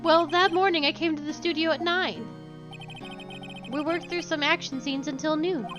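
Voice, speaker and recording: A woman's voice: high-pitched, normal speed, music in the background, natural voice. A woman doing a subdued, hesitant accused man. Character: apologetic, tired male action-show actor accused of murder.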